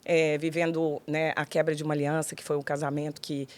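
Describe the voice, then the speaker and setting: Woman, middle-aged, Brazilian accent, podcast host, animated storytelling, slightly low voice. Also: brisk. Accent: Brazilian Portuguese. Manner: animated, acts out quoted dialogue. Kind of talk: emotional personal storytelling.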